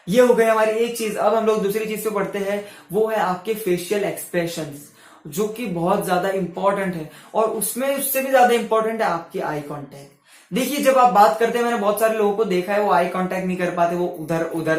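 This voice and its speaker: A young man giving self-help tips to camera in a casual, animated way, swinging his voice between loud and soft on purpose. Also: high-pitched, fairly quick, roomy sound. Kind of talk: casual motivational talk to camera.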